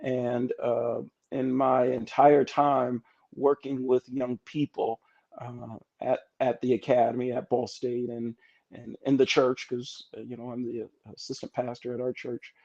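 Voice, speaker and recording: Gravelly older-sounding man telling stories. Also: mid-range voice, little pitch movement, measured pace, darkish tone, highs cut off. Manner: storytelling, many restarts and fillers. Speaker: educator and assistant pastor, guest. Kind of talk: casual interview chat.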